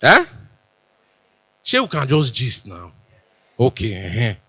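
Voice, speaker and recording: Man, Benin Nigerian accent, lively pitch, bright tone, stage talk, dry sound. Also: slow, slightly rough, no echo. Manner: chatty, joking, with pidgin asides. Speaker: conference speaker. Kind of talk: informal conference talk. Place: conference stage.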